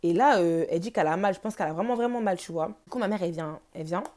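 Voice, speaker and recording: A young woman vlogging at home, telling a storytime in a casual, slangy, animated way. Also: on the low side, very fast. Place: home, noisy household.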